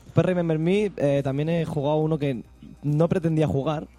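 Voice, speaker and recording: A man's voice: a little high, fairly even intonation, a little fast, dark tone, faint music behind. A man co-hosting a casual podcast about video games, hesitant and often correcting himself. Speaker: podcast co-host. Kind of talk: casual gaming chat.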